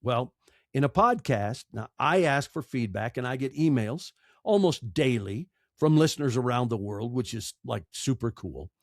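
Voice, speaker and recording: At a moderate pace and with an animated, medium-pitched voice, a broadcaster and audiobook narrator shares stories as a podcast guest. He's conversational and emphatic, using rhetorical questions and repeated phrases. The clean studio sound has no echo.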